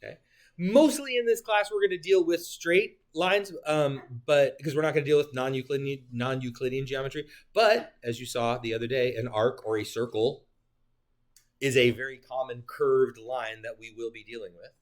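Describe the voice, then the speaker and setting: A male geometry teacher with a medium-pitched voice lectures his class at a moderate pace. He's animated, explaining definitions while tossing in playful jokes and questions for his students.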